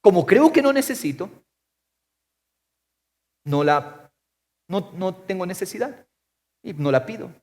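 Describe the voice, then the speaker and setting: A man preaching a sermon as pastor, firing off rhetorical questions and swinging from loud to soft. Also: high voice, very animated, unhurried, long pauses. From Ecuador.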